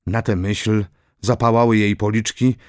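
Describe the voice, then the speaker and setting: A man reading a historical novel aloud as an audiobook narrator, in a measured, solemn way. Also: on the low side, flat delivery, no room sound, studio quality.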